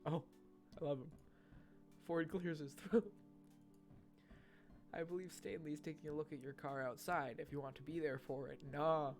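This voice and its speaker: A woman's voice: deep voice, faint music behind. A woman streamer reading a dating-sim game's text aloud, breaking off to joke and tease the characters. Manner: animated and jokey, quick to tease the characters.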